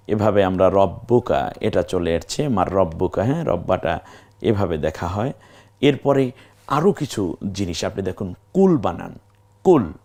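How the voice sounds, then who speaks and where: A man teaching Quran reading in a recorded lesson, speaking to the viewer and slowly drawing out practice syllables one after another. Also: fairly low pitch, darkish tone. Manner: patient, addresses viewers directly, drawn-out practice syllables.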